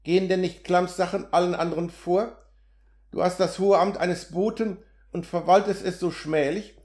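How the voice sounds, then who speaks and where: A man's voice: high voice, fairly even intonation, normal speed, close to an everyday voice. K., a man reading an exasperated surveyor. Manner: sharp, exasperated outbursts. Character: impatient agitated male land surveyor. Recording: roomy echo.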